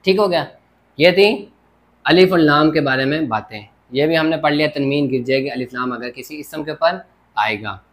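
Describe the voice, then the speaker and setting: A man's voice: a little high, normal speed, a bit bright. A man teaching a grammar lesson at a board, explaining step by step and often checking with "theek ho gaya". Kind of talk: classroom lecture at a board.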